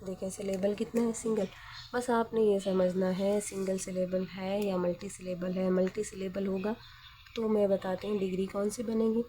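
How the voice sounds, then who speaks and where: A woman's voice: medium pitch, flat delivery, normal speed, warm tone. A woman teacher explaining grammar step by step in a patient manner, often asking questions and then answering them herself.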